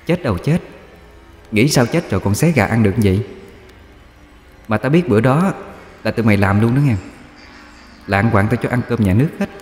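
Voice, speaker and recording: A man's voice: medium pitch, expressive, normal speed, pauses often, echoey room, big-room sound, faint music behind, voice pushed up, close to an everyday voice. Sly ghost girl, as a man puts her on. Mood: sly, taunting. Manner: taunting, soft and sly. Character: young woman's ghost, sly, mocking, fanged. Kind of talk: audio ghost story narration.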